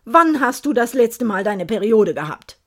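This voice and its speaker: A woman's voice: on the high side, big pitch swings, normal speed. A woman voicing a cheerful, boastful young husband with a jaunty, teasing manner. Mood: earnest.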